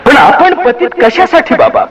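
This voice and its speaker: A man's voice: fairly high pitch, very animated, fairly quick, husky, pitched above the performer's own voice, rough recording. A man doing a fiery, indignant young brother. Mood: angry. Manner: raised, heated, indignant. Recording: music behind the voice.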